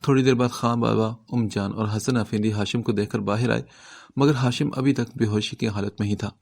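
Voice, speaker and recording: Gravelly male novel narrator. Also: fairly low pitch, steady tone, a little mellow. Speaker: audiobook narrator. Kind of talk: reading a novel aloud.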